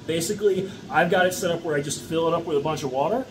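A man's voice: fairly high pitch, quick pace. Chatty man explaining his farm setup. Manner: chatty, peppered with "okay?" and "all right?". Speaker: mushroom farmer. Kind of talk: casual how-to talk to camera. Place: indoor farm room with grow shelves. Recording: steady background noise.

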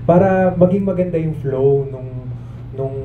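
A young man, an actor at a press conference, giving polite, soft-spoken, rambling answers into a handheld mic in a large room. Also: fairly high pitch, unhurried, narrow, tinny audio, a little hiss or hum. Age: young adult. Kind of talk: casual interview answers. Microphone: handheld mic, recorded by a far camera. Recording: echoey room from far off, thin sound.

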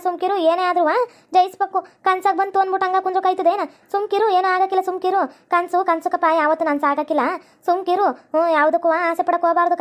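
A woman playing an old village grandmother, soothing and scolding fondly. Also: very high-pitched. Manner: fond scolding, soothing repetition.

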